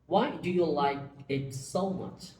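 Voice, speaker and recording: Low, slow-speaking woman as test examiner, formal; recorded from a distance in an echoey room. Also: over music. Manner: formal, measured questioning. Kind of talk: scripted exam questions. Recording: echoey room, far from the mic.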